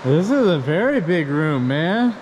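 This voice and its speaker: Male vlogger, higher-pitched, slow and laid-back, awed, echoey cave with loud rushing water. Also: very animated, noisy background. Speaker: cave explorer. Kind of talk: casual exploring chatter. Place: large wet cave with a stream.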